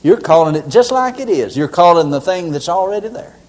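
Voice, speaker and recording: A man's voice: high voice, lively intonation, a little fast, darkish tone. A man preaching a sermon in a church, folksy and humorous as he tells his examples.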